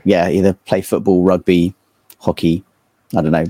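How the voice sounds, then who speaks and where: The guest is a thirty-something metal band singer from England with a southern English accent, casually chatting in a loose, rambling, hesitant manner. He has a deep, mellow voice with level tone at a moderate pace, and the recording has no room sound.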